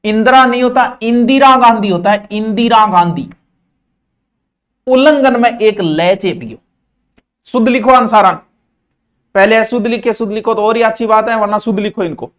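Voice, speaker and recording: A man's voice: high voice, moderate pace, long pauses, a bit bright. A middle-aged man teaching a grammar class, repeating each word again and again and scolding students in a playful way. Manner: drills words by repeating them, playful scolding asides.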